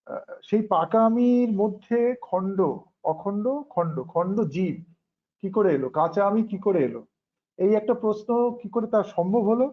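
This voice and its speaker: A man with a Bengali accent posing thoughtful questions in a philosophical discussion, pausing with hesitant fillers. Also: sits high, lively intonation. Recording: dull lo-fi recording.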